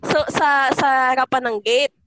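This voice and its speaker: A young woman telling a story in casual chat with friends, animated, laughing and acting out shouts. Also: sits high, measured pace, dry recording. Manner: animated, laughs often, acts out shouts and voices in her stories. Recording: noticeable background noise.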